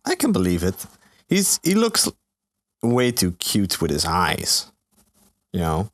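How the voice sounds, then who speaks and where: A young man co-hosting a comedy podcast, hesitant and deadpan. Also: low-pitched, slow pace, dry recording, clean studio sound. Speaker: podcast co-host. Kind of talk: casual comedic chat.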